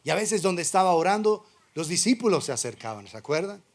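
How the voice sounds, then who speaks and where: A man's voice: sits high, big pitch swings, a little fast. A man preaching a sermon as pastor, firing rhetorical questions and acting out imagined excuses. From Colombia.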